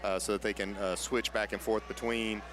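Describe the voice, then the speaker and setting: A man's voice: on the low side, flat delivery, normal speed. A man giving explanatory live play-by-play commentary on a grappling match.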